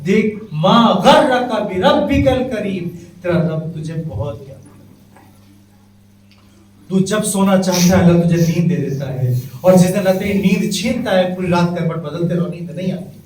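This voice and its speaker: A man preaching an impassioned sermon, chanting Arabic verses slowly between plain exhortation. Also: sits high, mellow. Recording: echoey, distant, faint hiss.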